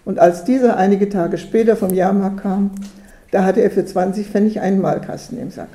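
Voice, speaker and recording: Warm, mellow storybook reader. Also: medium pitch, normal speed. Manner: lively voicing of characters. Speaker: narrator. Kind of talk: storybook reading aloud. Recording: roomy echo.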